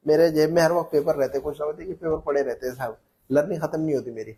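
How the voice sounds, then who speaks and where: Man, teacher, language class drill, slightly high voice, patient, repetitive, encouraging. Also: fairly even intonation, rapid-fire, warm tone. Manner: patient, repeats phrases for students to echo; encouraging, prompts students by name. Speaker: Arabic teacher.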